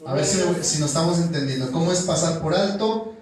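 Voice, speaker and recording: A young man with a Mexican accent preaches in a storytelling way, calling out to his listeners as brothers as he goes. His voice sits a little high for a man. It rings out in a very echoey church room, picked up from some way off the mic. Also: brisk, darkish tone, far from the mic. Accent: Mexican Spanish. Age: young adult. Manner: storytelling, calls the congregation "hermano" constantly. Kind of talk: sermon. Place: church hall.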